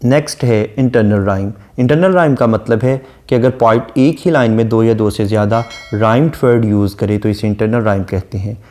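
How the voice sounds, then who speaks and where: Man, literature lecturer, dark relaxed tone, slow verse readings. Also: lowish voice. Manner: reads English verse slowly, then explains. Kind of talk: explaining a sonnet line by line.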